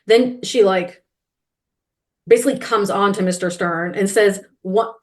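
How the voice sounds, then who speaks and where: A woman co-hosting a casual book-discussion podcast, talking animatedly and quoting characters in quick asides. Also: mid-range voice. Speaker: podcast co-host.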